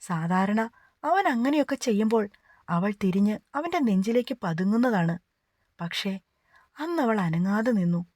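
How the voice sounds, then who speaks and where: A woman's voice: medium pitch, a little mellow, no room sound. Woman reading a romance novel aloud. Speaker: audiobook narrator. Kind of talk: scripted narration.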